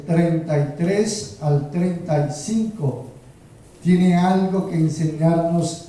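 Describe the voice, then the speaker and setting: A male pastor delivering a slow, emphatic sermon and asking rhetorical questions of the congregation. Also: on the high side, warm tone. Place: church sanctuary. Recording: roomy echo, heard from a distance.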